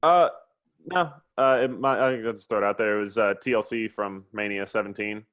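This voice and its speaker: Agreeable man with a low voice. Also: brisk, fairly bright tone, clear, resonant tone, highs cut off. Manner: agreeable, chimes in briefly. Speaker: podcast co-host. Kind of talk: casual chat.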